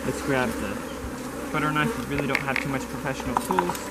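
A young man with a brisk, mid-range voice vlogs casually from his homestead garden among bushes and beehives, explaining the hives in a rambling way that keeps correcting itself. The camera mic is handheld or close-framed and picks up outdoor audio full of buzzing bees and insects.

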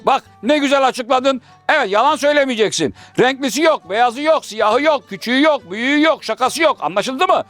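Know-it-all puppet scholar, high lively voice, lecturing in proverbs, faint music behind. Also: male voice, a little fast, few pauses. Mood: insistent. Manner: lecturing, moralizing, quotes proverbs. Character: learned, preachy male shadow-puppet scholar. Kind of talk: traditional shadow-puppet comedy dialogue.

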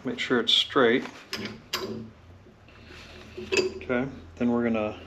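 Relaxed man explaining a workshop job. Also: mid-range voice, very noisy. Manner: relaxed, halting with frequent fillers. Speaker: mechanic demonstrating engine rebuild. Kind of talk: casual workshop tutorial. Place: home workshop at a drill press.

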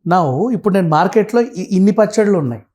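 A man appearing as a guest commentator explains things bluntly and animatedly in conversation, acting out quotes and often checking that the listener follows. His voice sits high and darkish, with lively intonation, and he talks fast.

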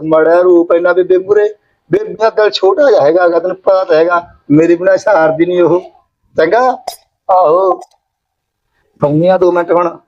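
A naive grown son who wanders from thought to thought with a childlike innocence, played by a man. His voice sits noticeably high for a man. It is village short-film acting. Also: darkish tone, lo-fi sound, lightly acted. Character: simple-minded grown son, childlike and gentle.

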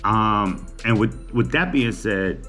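A man's voice: fairly low pitch, slow, a bit bright, soft background music. A man, chatting casually to camera in a small room about his day. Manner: chatty, laid-back, teasing. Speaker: vlogger. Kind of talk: casual chat. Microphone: camera on a table.

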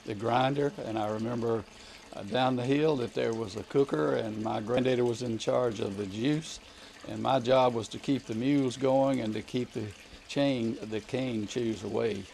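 An older man with a Mississippi accent and a gravelly voice slowly recalls old memories. He sits outdoors under a carport, picked up by a slightly distant mic. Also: medium pitch, fairly even intonation, darkish tone. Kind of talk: interview reminiscence.

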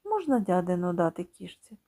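A woman voicing a proud, quick-witted poor village boy who speaks in a raised, earnest tone. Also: lowish voice, big pitch swings, warm tone.

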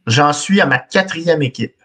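A man in his thirties with a Quebec French accent hosts a quiz over a webcam call. His voice sits a bit high and sounds husky. He reads the clues in the first person and laughs often. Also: animated, normal speed, sharp tone. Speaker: quiz host. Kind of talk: casual podcast quiz on a video call. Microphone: video call webcam.

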